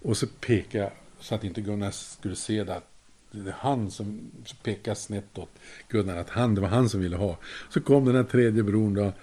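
A man's voice: on the low side, mellow. An older man telling a casual anecdote, chuckling now and then and acting out the voices of the people he quotes. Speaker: storyteller.

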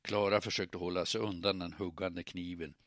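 A man reading an audiobook aloud in steady, measured narration. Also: deep voice, no room sound, clean studio sound.

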